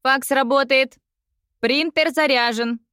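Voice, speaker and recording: A woman voicing a dutiful male robot servant with a creaky, metallic voice, reading an audiobook. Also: sits high, fairly even intonation, takes it slowly, a bit bright, no room sound, clean studio sound, voice pushed up. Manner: grating, metallic, clipped reports.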